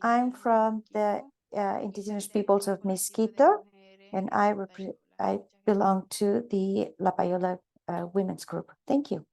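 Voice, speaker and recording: A woman's voice: mid-range voice, steady tone, measured pace, creaky, warm tone. A woman interpreting participants' introductions into English, speaking in the first person for each. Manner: relays others' words in first person.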